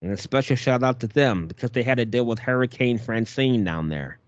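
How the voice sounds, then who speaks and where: A man's voice: mid-range voice, fairly quick, no room sound, highs cut off. A man co-hosting a podcast, chatting casually and playfully about football. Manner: animated, playful teasing. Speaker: podcast co-host. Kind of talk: casual sports chat. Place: Detroit.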